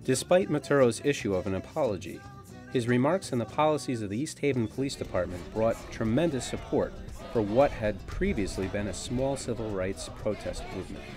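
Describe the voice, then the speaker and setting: A man narrating a documentary in a measured, formal tone. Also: medium pitch, lively intonation. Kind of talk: scripted narration. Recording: music bed under narration.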